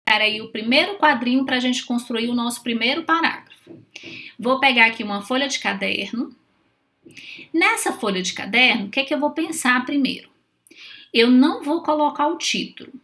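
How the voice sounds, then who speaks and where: Woman, teacher, high voice, patient, checks in with the kids after each step. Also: normal speed, pushed and bright. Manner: patient, checks in often with questions. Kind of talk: children's writing lesson.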